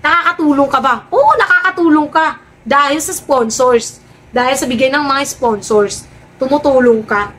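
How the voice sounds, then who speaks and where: A woman's voice: sits high, moderate pace, a bit bright. A woman vlogger in casual live-stream commentary, talking to her viewers in a sarcastic way and firing off rhetorical questions.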